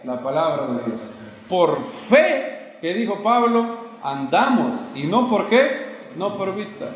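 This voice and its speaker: A man preaches a sermon. His voice sits high and swings widely in pitch as he poses rhetorical questions and answers them himself. The sound carries a long hall reverb. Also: slight background noise. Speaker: pastor.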